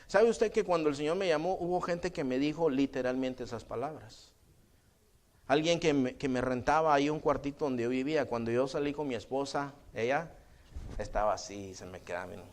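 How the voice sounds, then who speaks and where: A man's voice: medium pitch, a little fast. A male pastor, preaching a sermon in a conversational tone and often calling listeners brother. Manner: acts out quoted voices in dialogue.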